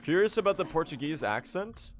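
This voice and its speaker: Soft music plays behind a Swedish man whose fairly high voice swings widely in pitch as he talks quickly during a speedrun livestream. Chatty and rambling, he corrects himself often and swears a little.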